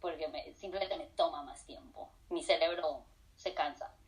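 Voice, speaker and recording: This professor, a middle-aged woman from Colombia, answers interview questions casually at normal speed in a low voice, switching from Spanish to English and back. She hesitates with many fillers and restarts, and the audio is poor.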